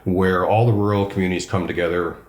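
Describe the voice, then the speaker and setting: A regional councillor answers interview questions in a low, steady voice, talking fast and with emphatic enthusiasm. He describes his own voice as loud. The recording has a roomy sound.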